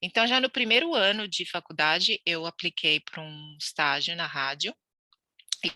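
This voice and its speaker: Fairly low-pitched yet bright and forceful, a Santos-born Brazilian woman talks at normal speed about immigrating, as a podcast guest. Her casual chat is laughing and riddled with restarts, in a dry recording.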